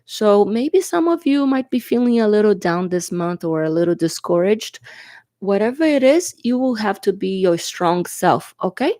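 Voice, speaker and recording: This Portuguese-native woman's voice sits mid-range with big pitch swings, a normal speed and a mellow quality, recorded cleanly in the studio without room sound. She's doing a chatty, reassuring tarot reading to camera at an indoor table, congested and coughing from allergies or a cold. "Okay?" pops up often.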